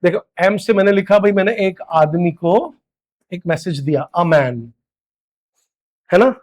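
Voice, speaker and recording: A man's voice: sits high, animated, unhurried. A man giving a classroom grammar lecture, drilling students with repeated questions. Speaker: English grammar teacher.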